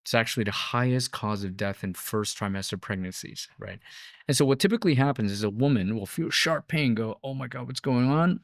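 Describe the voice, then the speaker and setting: A man's voice: medium pitch, animated, fairly quick, vocal fry, dry recording, clean studio sound. A man in his fifties from Taiwan, a biotech founder answering interview questions in an explanatory way with many fillers and tag questions.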